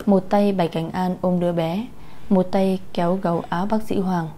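A woman narrating an audio story in steady, even storytelling. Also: fairly low pitch, moderate pace.

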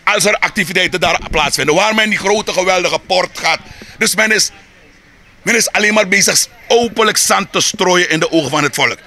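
A Surinamese man with a Surinamese Dutch accent speaks in a high, gravelly register. His tone is bright and forceful as he argues heatedly in a street interview, piling up rhetorical questions and repeating words while he builds each point. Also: moderate pace.

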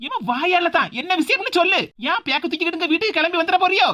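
A woman's voice: extremely high pitch, animated, very noisy. A woman voicing a sarcastic young daughter-in-law. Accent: Tirunelveli Tamil. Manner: quick, sarcastic retorts. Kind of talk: cartoon voice acting.

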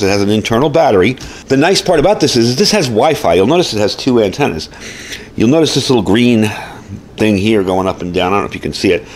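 A man with a fairly low-pitched voice, the host and gear reviewer, gives a casual, folksy product review and demonstration at an indoor desk or workbench. He explains things informally as he goes, with slight background noise in the recording.

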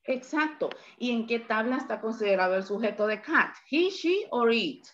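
A woman's voice: on the high side, expressive, moderate pace, lo-fi sound, a little hiss or hum. A woman teaching an English class over a video call, explaining grammar patiently. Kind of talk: online class instruction.

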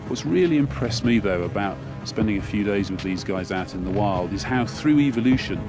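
A man's voice: on the low side, animated, brisk, over music. A man presenting a nature documentary, sharing his impressions of what he has observed.

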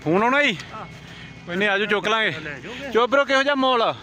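A man's voice: high voice, animated, fast talker, loud music behind the voice. A man with a Punjabi accent chatting casually and jokily for a travel vlog, talking to companions and passers-by. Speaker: vlogger. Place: outdoors in a snowy mountain valley. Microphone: handheld phone camera. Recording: outdoor crowd and vehicle noise.

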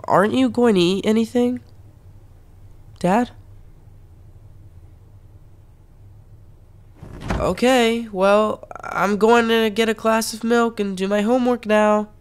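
A woman's voice: on the high side, fairly even intonation, measured pace, slight background noise, natural voice. A woman voicing an anxious but brave young boy in a comic dub, earnest and hesitant. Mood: subdued.

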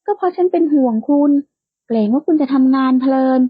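A woman's voice: high voice, a little fast, dry recording, lightly acted. A woman voicing a bold, playful young woman who likes to tease, in a lightly lo-fi, dry recording. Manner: playful and outspoken, bright and teasing.

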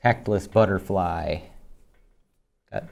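A young man in casual, slangy chat while opening trading cards, halting as he reads out names. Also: sits low, creaky, a little mellow. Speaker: card box opening host. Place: indoors at a tabletop.

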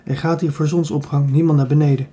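A man voicing a cool-headed, teasing young woman in an audiobook, speaking softly and dryly. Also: a little high, level tone, fast talker, close to an everyday voice. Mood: teasing, firm.

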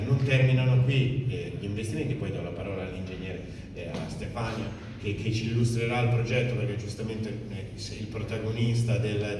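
A man's voice: on the low side, background noise. A man who is a local official, giving a speech at a press event, hesitant, with many fillers and restarts. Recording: echoey hall, mic from far off.

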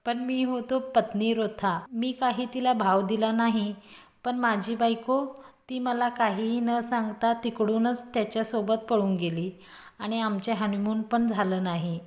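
A woman's voice: fairly high pitch, steady tone, unhurried, darkish tone, close to an everyday voice. A woman voicing a playful, scheming young man who talks in a teasing, mock-dramatic way.

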